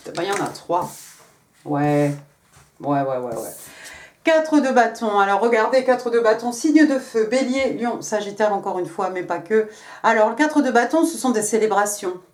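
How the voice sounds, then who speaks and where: A woman gives a casual tarot reading, talking straight to her viewers. Her delivery is chatty and loose, full of little fillers, at a middling pitch. The sound carries some room echo. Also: animated, normal speed. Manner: chatty, many fillers and hein. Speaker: tarot reader. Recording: echoey room.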